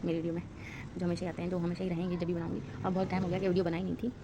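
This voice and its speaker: In a fairly low, completely flat voice, a young vlogger with a Pakistani Urdu accent chatters quickly and loosely with lots of fillers while cooking breakfast at home. She talks into a handheld phone, and clear background noise runs under the recording.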